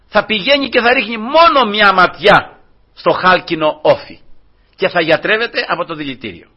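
Male preacher, fervent sermon delivery, husky and slightly high, dull lo-fi sound. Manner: fervent, rising and falling in loudness, repeating "brothers".

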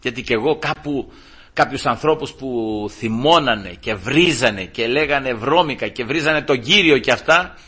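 An impassioned male preacher with a husky, bright-edged voice. He swings between soft, intimate passages and loud rhetorical questions. He keeps addressing his congregation as brothers. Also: medium pitch. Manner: repeatedly addresses listeners as brothers. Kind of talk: sermon.

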